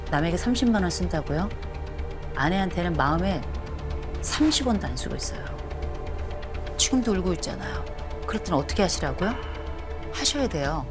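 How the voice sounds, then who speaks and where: Firm scolding woman counselor, low voice. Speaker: marriage counselor. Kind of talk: TV counseling session. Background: background music.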